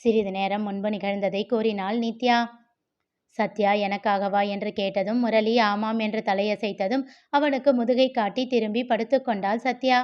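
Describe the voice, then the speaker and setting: A woman reading a novel aloud as storyteller, narrating at a steady, even pace. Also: medium pitch, normal speed, highs cut off.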